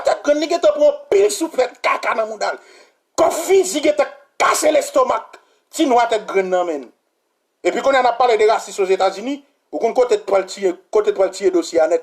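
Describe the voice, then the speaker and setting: A man with a Haitian accent giving heated, repetitive political commentary that bursts into shouting. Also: high voice. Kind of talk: impassioned political commentary vlog.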